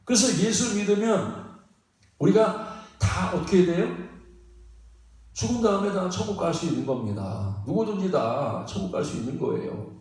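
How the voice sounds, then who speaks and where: A man preaching in a church sanctuary, his fairly high voice swinging up and down with every phrase. He talks in a folksy, repetitive way, chuckles between lines and keeps prodding the congregation for a reply. The sound comes from a distance, with heavy echo off the hall. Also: expressive, moderate pace, darkish tone. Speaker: pastor. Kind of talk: sermon. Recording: very echoey hall, mic at a distance.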